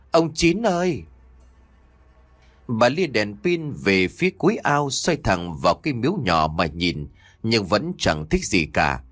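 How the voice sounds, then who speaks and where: A man's voice: lowish voice, a bit bright, dry recording. A man narrating a ghost story with dramatic storytelling.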